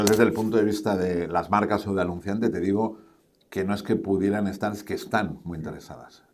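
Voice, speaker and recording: A man's voice: deep voice, a little mellow. A man speaking on a conference panel, answering questions in a rambling way with many fillers and tag questions. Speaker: panel speaker on podcasting and advertising. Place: conference stage.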